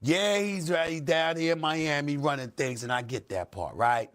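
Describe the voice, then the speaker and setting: A man on a sports debate show giving an impassioned speech, dropping to soft, emotional asides and then building up to shouting. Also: fairly high pitch, normal speed.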